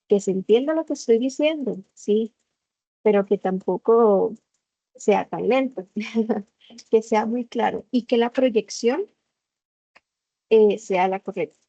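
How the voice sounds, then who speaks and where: A woman teaching a lesson over a video call, explaining slowly and putting questions to the class. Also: mid-range voice, mellow, no room sound. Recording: slightly dull video call audio.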